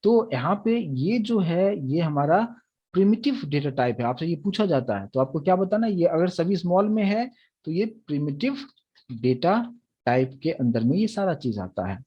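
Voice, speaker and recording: A man's voice: a little high, big pitch swings, normal speed, slightly rough, lo-fi sound. A young man teaching a programming lecture, explaining step by step and often checking that the students follow. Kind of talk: recorded Hindi lecture on Java.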